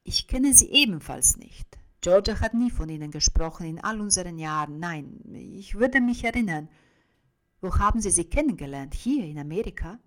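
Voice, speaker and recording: A woman voicing a calm, self-assured middle-aged husband who speaks in a measured way. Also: sits high. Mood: cool.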